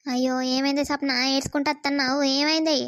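A woman voicing a bossy middle-aged village mother-in-law who lectures and scolds rapidly. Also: high-pitched, flat delivery, slight background noise, natural voice. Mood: lecturing. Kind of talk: cartoon voice acting. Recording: slightly dull lo-fi sound.

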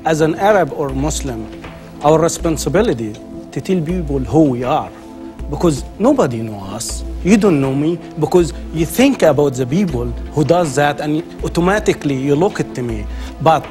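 A man's voice: a little high, expressive, normal speed, darkish tone, faint music behind. A man in his forties from Egypt with an Egyptian accent, speaking earnest, broken English as a guest on a studio talk show. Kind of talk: passionate talk show discussion. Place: TV studio with live audience. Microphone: lapel.

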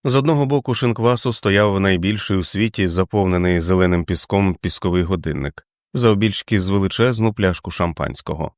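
Male narrator, low register, even measured delivery, dry studio sound. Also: no echo. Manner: steady, measured reading. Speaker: audiobook reader. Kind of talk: scripted narration.

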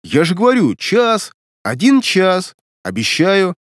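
A man's voice: fairly high pitch, huge pitch swings, moderate pace, no echo, studio quality, voice pushed up. A man doing an eager lovestruck womanizer. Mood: pleading. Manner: eager, insistent, pleading. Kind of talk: audiobook character reading.

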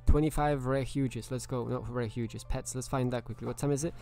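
A man's voice: mid-range voice, steady tone, a little fast, mellow, faint music behind. A man streaming a video game live, chatting casually and greeting viewers by name.

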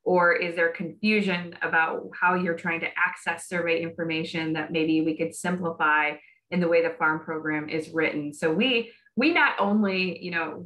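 Woman, 30s, bright forceful voice, slightly low, video call, upbeat and persuasive. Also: poor audio. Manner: upbeat and persuasive, often saying "like". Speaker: guest panelist, dairy industry outreach. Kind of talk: webinar panel answer. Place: small room at home. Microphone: built-in mic on a video call.

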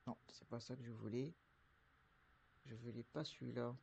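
Sick with the flu, a man doing casual gameplay commentary walks viewers through purchasing a truck in a trucking game, rambling with lots of fillers and restarts. His medium-pitched voice is gravelly and a little mellow, steady in tone and at normal speed, with slight background noise.

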